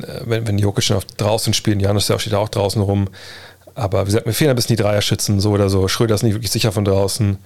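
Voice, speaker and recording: Low-voiced gravelly man chatting casually. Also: a little mellow. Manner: colloquial, peppered with English slang and sports terms. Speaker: livestream host and basketball podcaster. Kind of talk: casual livestream chat answering viewer questions about basketball.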